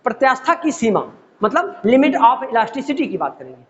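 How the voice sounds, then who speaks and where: A man's voice: very high-pitched, very animated, normal speed. A man teaching a physics class, explaining with everyday examples and often asking the students whether they follow. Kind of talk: classroom lecture. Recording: dull lo-fi classroom recording.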